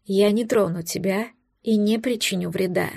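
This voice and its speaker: A woman voicing a thousand-year-old male dragon, anxious and tender, speaking low and pleading in an audiobook. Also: normal speed, vocal fry, a little mellow, no echo, clean studio sound. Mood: remorseful.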